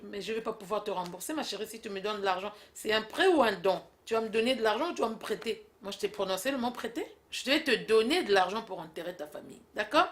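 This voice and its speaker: A woman's voice: medium pitch, lively intonation, quick pace, few pauses. A young woman in a comic back-and-forth, teasing and scolding with frequent laughter. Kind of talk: comic two-woman dialogue.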